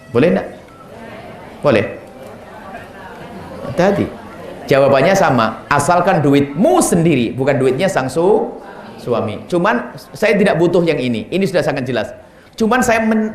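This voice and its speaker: A male preacher with a fairly high voice delivers an animated sermon in an echoey hall. He answers questions from the congregation and slips into short acted dialogues between husbands and wives.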